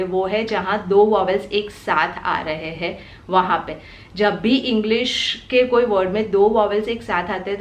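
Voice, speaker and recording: A woman with an Indian accent, hosting a parenting channel and patiently explaining phonics step by step, sounding out letters slowly. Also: medium pitch, roomy sound. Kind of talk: explanatory home teaching video.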